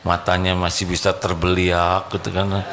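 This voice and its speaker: A man's voice: sits low, completely flat delivery, normal speed, fairly bright tone. A man preaching a live sermon, joking and quizzing the congregation with questions. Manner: humorous, quizzes the audience. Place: live religious gathering.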